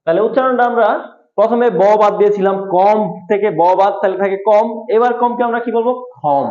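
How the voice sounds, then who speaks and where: High-voiced teacher drilling pronunciation. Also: male voice, fairly even intonation, fast. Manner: repetitive quizzing questions. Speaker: English teacher. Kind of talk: classroom lesson, call-and-response drilling. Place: classroom at a board. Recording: echoey room, dull lo-fi sound.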